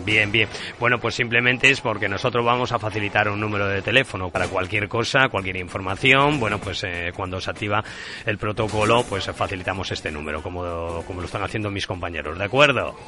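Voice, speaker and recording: A radio host making a live prank call, posing as an official and insistently repeating himself. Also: male voice, fairly low pitch, fairly quick, bright, forceful tone, faint music behind.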